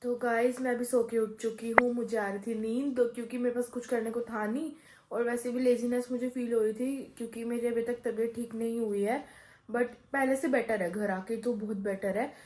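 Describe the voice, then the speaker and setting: A woman's voice: fairly high pitch, steady tone, normal speed, mellow, echoey room, low-quality recording. A young woman with a sore throat who chats casually to her viewers in a home vlog, mixing in English words and calling her audience guys. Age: young adult. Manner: chatty, mixes Hindi and English, addresses viewers as guys. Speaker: vlogger. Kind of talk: casual vlog narration to camera. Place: family home, kitchen and rooftop.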